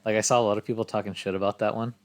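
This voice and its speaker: A man's voice: lowish voice, level tone. A laid-back man co-hosting a casual wrestling podcast. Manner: laid-back, quick talker. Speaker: podcast co-host. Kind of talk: casual chat.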